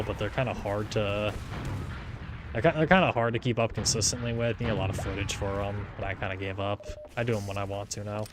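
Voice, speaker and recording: A man's voice: lowish voice, noisy background. A man in his twenties chatting casually during an online game, rambling with lots of "like"s and restarts and chuckling often. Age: 20s. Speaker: gaming YouTuber. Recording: game gunfire behind the voice. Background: game gunfire and explosions.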